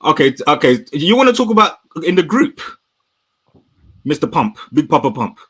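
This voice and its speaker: Animated man firing comebacks. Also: fairly high pitch, moderate pace, slightly rough. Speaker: podcast co-host. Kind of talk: casual banter.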